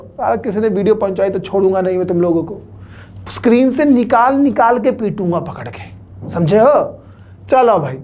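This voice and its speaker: A man teaching chemistry to a class in a joking lecture, teasing the students and making playful mock threats. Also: high voice.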